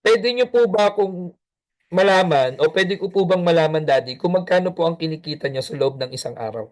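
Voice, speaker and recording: A man's voice: sits high, fairly quick, a little mellow, pitched above the performer's own voice, close to an everyday voice. A man voicing a small boy who pleads with his busy father, whiny and insistent. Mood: pleading. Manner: whiny, pleading, repeats "daddy".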